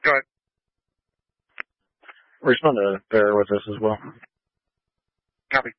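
A police officer on a two-way radio, answering in clipped ten-codes. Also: male voice, on the low side, measured pace, no room sound. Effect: over a two-way radio. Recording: tinny narrow-band radio transmission.

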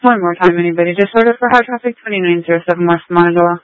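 A man's voice: high-pitched, racing, smooth, no room sound. A man working as a police dispatcher, heard over a police radio, urgently repeating calls for units to respond. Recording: muffled dry radio transmission.

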